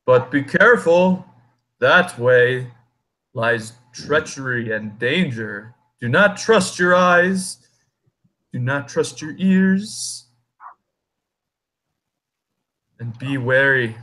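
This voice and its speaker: A man's voice: mid-range voice, lively intonation, takes it slowly, pushed and bright. A man voicing a haughty, grumpy old talking tree that speaks pompously in a tabletop game. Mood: ominous warning.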